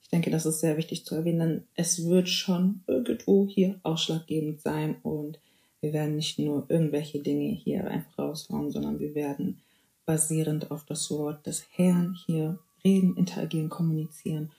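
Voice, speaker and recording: Deep, creaky and dark, her voice holds a steady tone at normal speed in an echoey room. The speaker, a Bavarian woman in her twenties, hosts a relaxed solo podcast where she jokes around, mixes English phrases into German, and exclaims "amen" and "hallelujah."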